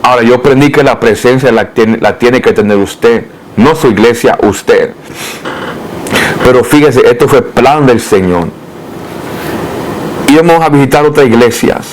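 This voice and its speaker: A middle-aged man, a pastor, earnestly telling his testimony in a podcast interview, calling the listener brother and rising in pitch when he relives his prayers. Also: measured pace, long pauses, slight background noise, low-quality recording. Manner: rises and gets louder when reliving prayers.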